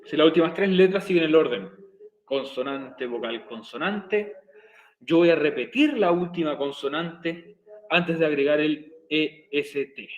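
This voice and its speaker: Man, teacher, slightly high voice, slow repetitive explaining, echoey room. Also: highs cut off. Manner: slow, repeating explanations step by step. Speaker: English teacher. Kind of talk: recorded video lesson.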